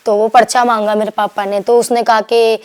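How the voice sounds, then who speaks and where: A young woman from Delhi, telling her story to an interviewer in a rambling, animated way, acting out what others said and restarting her sentences. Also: fairly high pitch, normal speed. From Delhi, India. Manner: rambling, animated retelling with quoted dialogue and restarts. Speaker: guest.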